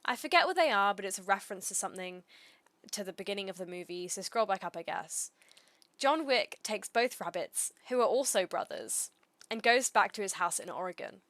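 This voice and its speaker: This woman streamer reads aloud and chats casually in a deadpan, dry, understated way. Her mid-range voice moves fairly quickly, and there's no room sound.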